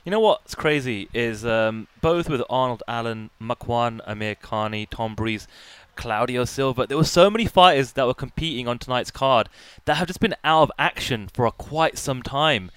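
A man's voice: mid-range voice, animated, moderate pace, a bit bright, smooth, dry recording. A man guesting on a fight podcast, talking in an easygoing way with plenty of ums. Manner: easygoing, many filler ums. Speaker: podcast guest, MMA journalist. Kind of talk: casual post-fight recap chat.

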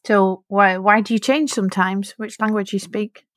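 A middle-aged woman hosts a podcast, patiently interviewing a child with simple, encouraging follow-up questions in a friendly manner. She speaks at a normal speed in a mid-range voice with a steady tone, recorded in studio quality with no echo.

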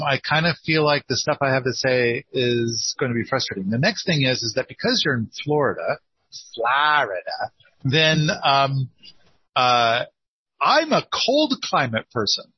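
A man's voice: medium pitch, slightly rough. Rambling man with an Oregon accent. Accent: northeastern Oregon. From northeastern Oregon, US. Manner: rambling, self-deprecating, many restarts, laughs a lot. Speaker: podcast host and permaculture consultant. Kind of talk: casual podcast consultation. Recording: dull lo-fi dry sound.

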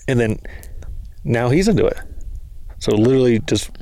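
A man telling a lively story in casual talk, acting out the quoted lines of others. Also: mid-range voice, moderate pace, a little hiss or hum. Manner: animated storyteller, acts out quotes. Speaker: guest, bow hunter.

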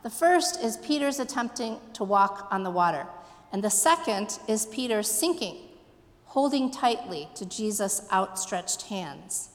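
A woman's voice: medium pitch, expressive. Woman pastor preaching in an echoey hall. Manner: slow, reflective, posing questions. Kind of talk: sermon.

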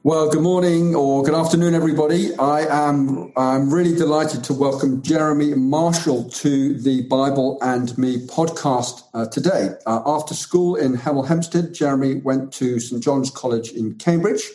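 A man's voice: mid-range voice, fairly even intonation, normal speed, few pauses, mellow, soft background music, poor audio. A man hosting an interview podcast, speaking a little hesitantly and repeating his phrases. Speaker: podcast host.

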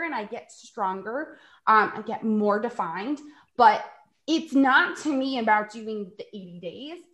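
A New York woman in her forties tells stories in a chatty way on a casual podcast, laughing as she acts out quotes. Her voice is a little high and fairly bright, and the room has an echo.

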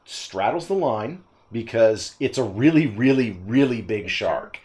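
A man's voice: medium pitch, animated, a little slow, a little mellow. A man talking casually as a panelist in a film discussion. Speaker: movie podcast panelist.

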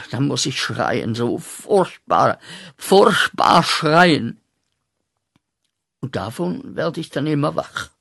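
A man acting a guilt-ridden corporal back from the war, in a radio play, speaking with slow, intense, declaiming rhythm. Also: medium pitch, creaky, fairly bright tone, husky, no room sound, clean studio sound, exaggerated voice. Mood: frantic.

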